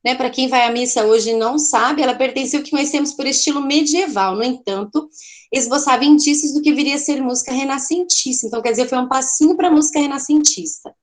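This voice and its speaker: A woman's voice: sits high, fast. Chatty Brazilian woman teaching art class. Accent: Brazilian Portuguese. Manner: chatty, explanatory, frequent "tá?" checks, self-corrections. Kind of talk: online art class lecture.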